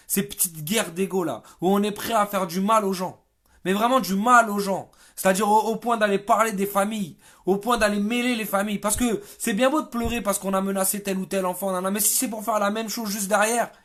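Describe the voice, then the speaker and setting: A man speaking in a livestream monologue as a protest activist, exasperated, halting and often repeating words. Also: sits high.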